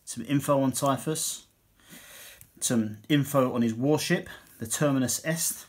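Unhurried and mid-range in pitch, a man chats his way through a review of a hobby magazine. He reads out bits of the text and follows each with dry remarks of his own.

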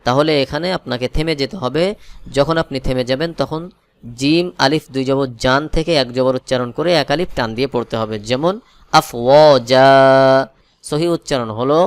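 Smooth-voiced man teaching Quran spelling. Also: mid-range voice. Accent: Bangladeshi Bengali. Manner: slow melodic chanting when reciting verses, plain explaining between. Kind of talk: spelling-out Quran recitation lesson.

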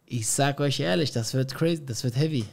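A man's voice: mid-range voice, a little fast, gravelly. Brief: male reaction streamer, casual slang, thinks aloud and quizzes his viewers. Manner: musing, asks the viewers questions, street slang.

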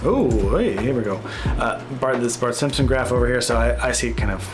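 A real estate agent in his thirties gives a relaxed market update from his home office while sharing his screen. He rambles a little, fills pauses and corrects himself mid-sentence. His pitch sits in the middle for a man, and background music plays clearly beneath his webcam audio. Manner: chatty, thinking aloud with fillers and self-corrections.

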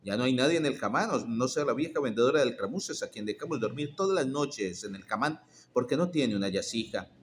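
A man's voice: mid-range voice, lively intonation, fairly quick, a little hiss or hum, lightly acted. A man reading the lines of an old woman bathhouse attendant, flustered and protesting.

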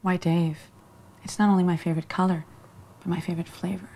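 A woman's voice: on the low side, little pitch movement, fast, creaky, dark tone, a little hiss or hum. An actress playing a frank, sardonic young woman visiting an apartment, in film dialogue.

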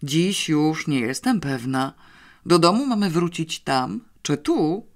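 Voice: mid-range voice, animated, takes it slowly. An audiobook reader voicing a bossy, clever schoolgirl who is confident, scheming and a little scornful, in a somewhat raised voice.

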